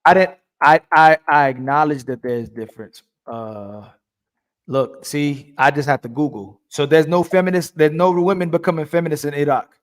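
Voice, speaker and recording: Man hosting a livestream debate, slightly high voice, pushy, repeats his questions. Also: normal speed. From family from Turkey. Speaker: livestream host. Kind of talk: heated call-in debate.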